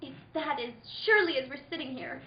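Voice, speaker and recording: A woman's voice: high-pitched, lively intonation, fast talker. A woman playing a pleading, slippery femme fatale in a melodramatic 1940s radio play. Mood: anxious, confessing. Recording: echoey, dull, faintly noisy room recording.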